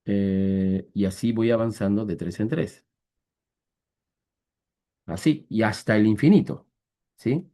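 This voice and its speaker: A male teacher with a mellow, relaxed voice gives an online math lesson over a video call. He walks through each example slowly and deliberately. He keeps pausing to check that his students are following. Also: fairly low pitch. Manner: patient, repetitive, checks understanding with "¿ya?"; slow, deliberate step-by-step counting.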